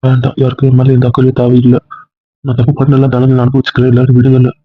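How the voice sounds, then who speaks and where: A man's voice: mid-range voice, monotone, racing, no room sound, close to an everyday voice. A man playing a grief-stricken young husband who pleads and despairs over his guilt. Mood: despairing. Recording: muffled phone-like sound.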